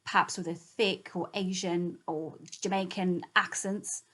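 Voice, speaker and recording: A woman's voice: fairly low pitch, fairly even intonation, a little slow, fairly bright tone. A woman from Zimbabwe speaking steadily and purposefully in an interview.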